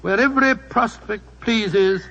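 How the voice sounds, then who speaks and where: High-voiced, chatty English Doctor Watson. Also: male voice, a little slow, bright, forceful tone, exaggerated voice. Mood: companionable. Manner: avuncular, hearty, rambling storyteller. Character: genial, chatty older English doctor recalling past adventures. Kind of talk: 1940s radio acting. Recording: muffled 1940s radio broadcast recording.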